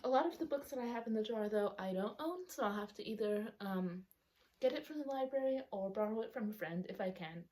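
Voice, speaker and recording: A young book vlogger chats casually, rambling and correcting herself with lots of ums, her speech slightly altered by the retainer she's wearing. Her medium-pitched voice is animated, brisk and a little mellow. She's outdoors or by a sunny window at home.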